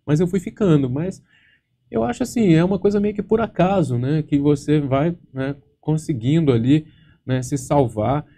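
A man with a Brazilian Portuguese accent hosting a live question-and-answer stream as an exam-prep teacher. He swears freely, tells jokey stories and tags nearly every phrase with a quick check word. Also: fairly high pitch, warm tone. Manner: profane, joking storyteller, constant tag words. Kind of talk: casual live Q&A chat. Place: studio with green screen.

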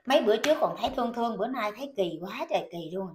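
A woman's voice: on the high side, lively intonation, rapid-fire, darkish tone, slight background noise. A woman with a Southern Vietnamese accent, ranting in an indignant, scolding commentary vlog full of repeated questions.

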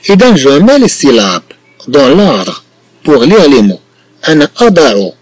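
Male teacher, patient and repetitive, lively pitch, higher voice. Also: no echo, rough recording. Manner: slow, repeats each sentence in two languages. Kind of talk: bilingual classroom lesson.

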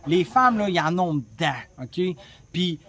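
Recording on his phone, a Québécois-accented man tells the story behind his travel podcast in a casual monologue, blunt, talkative, and full of curses. His fairly high voice is a bit bright with lively intonation, and he keeps a measured pace.

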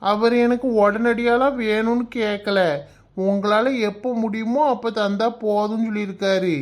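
A woman voicing a patient, middle-aged village husband and father who tries to calm his wife in an animated comedy. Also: mid-range voice, moderate pace, lightly acted. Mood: placating. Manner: soothing, pleading.

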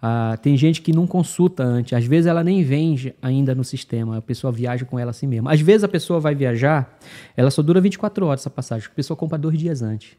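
A man from Brazil, a guest telling a travel story in casual talk, animated and acting out the dialogue he recounts. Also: mid-range voice, fast talker. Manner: animated, acts out dialogue with voices.

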